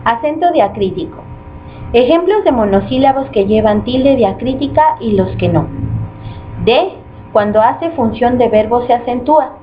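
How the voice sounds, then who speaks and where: A woman reading a grammar lesson aloud in an even, explanatory way. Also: on the high side. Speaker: student presenter. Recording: muffled lo-fi recording with faint noise.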